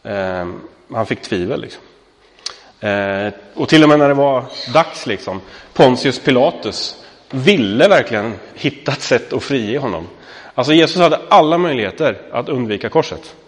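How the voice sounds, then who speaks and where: A male pastor in his thirties delivers an animated sermon in a loose, conversational style, full of small fillers and direct questions to the congregation. His voice is mid-pitched for a man, and the audio carries the long reverb of a large hall.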